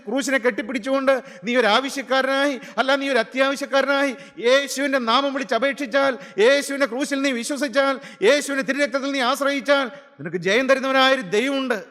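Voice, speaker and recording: Man preaching hard, lots of repeated questions, really high sharp voice, echoing hall. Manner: impassioned, piling up rhetorical questions and repeated phrases. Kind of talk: gospel sermon.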